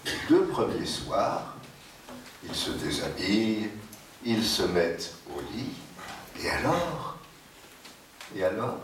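A man with a Yiddish accent telling jokes in a slow, playful storyteller's way. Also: lowish voice, big pitch swings. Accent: Yiddish-accented French. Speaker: joke teller. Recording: noisy echoey archive recording from far off.

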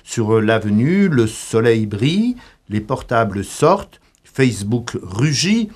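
Theatrical man with a lively, swooping voice. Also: medium pitch, slow, husky. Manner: theatrical, mock bullfight commentary with cries of olé; sly storytelling with asides to listeners. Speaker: radio columnist. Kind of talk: comic monologue.

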